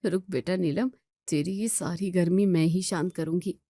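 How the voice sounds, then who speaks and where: A woman voicing a sharp-tongued, scheming mother-in-law in her older years, speaking low and scolding. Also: steady tone, moderate pace, no room sound, clean studio sound.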